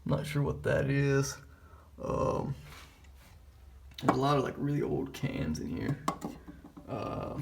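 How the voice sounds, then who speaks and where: A man's voice: mid-range voice, vocal fry. A man giving a casual, hesitant walk-through narration as a vlogger, thinking aloud inside a small concrete underground space. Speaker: vlogger showing a place. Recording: echoey underground room, noticeable background noise.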